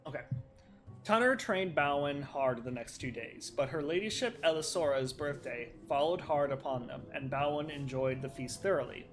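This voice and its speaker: A man's voice: fairly high pitch, moderate pace, faint music behind. A man hosting a let's play, reading an in-game book aloud in a casual way, laughing and swearing at his slips.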